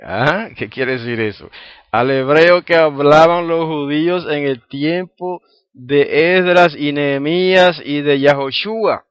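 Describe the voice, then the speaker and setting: A man's voice: fairly high pitch, slow pace, clear, resonant tone, dry recording, highs cut off. A man giving a religious talk as a Hebrew teacher, rambling and repeating words as he searches for them. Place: home library.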